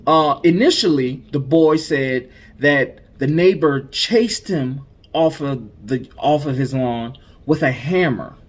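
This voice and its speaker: A man's voice: medium pitch, slow pace. A man hosting a news commentary podcast, talking in an indignant, emphatic way with frequent repeated restarts. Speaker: podcast host.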